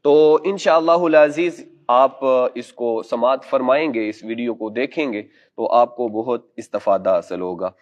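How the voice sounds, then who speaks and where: A man teaching Quran recitation in a class. He patiently demonstrates each letter sound slowly and has it repeated back. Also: mid-range voice, lo-fi sound. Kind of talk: classroom instruction.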